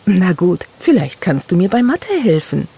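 A woman's voice: on the low side, expressive, moderate pace, vocal fry, warm tone, slight background noise. A woman voicing a sad little schoolgirl in a read-aloud story, with a raised, childlike voice. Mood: forlorn.

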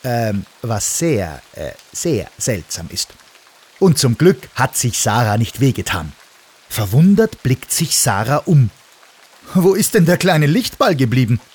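Husky man reading a bedtime story. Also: medium pitch, unhurried. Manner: expressive, animated reading. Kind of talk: reading a children's story aloud.

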